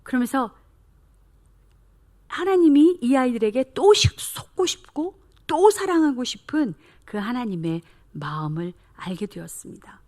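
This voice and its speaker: Animated woman preacher telling a story. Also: high voice, a little slow. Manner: animated storytelling that acts out children's voices, then drops into hushed whispers. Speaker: missionary and school principal. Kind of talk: testimony sermon. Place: church sanctuary.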